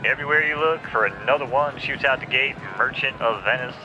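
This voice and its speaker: Fast excitable male race caller. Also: mid-range voice. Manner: rapid excitable race-call delivery, then sheepish chatter. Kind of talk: live virtual horse race call. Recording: dull lo-fi sound with clear background noise.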